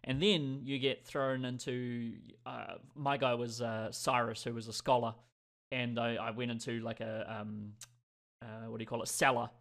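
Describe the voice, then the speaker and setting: A man rambles through his gaming stories on a podcast. He speaks at a middling pitch and keeps circling back with ums and repeated starts. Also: little pitch movement, moderate pace, creaky, a bit bright. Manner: rambling, hesitant, many ums. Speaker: podcast co-host. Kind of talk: casual gaming chat.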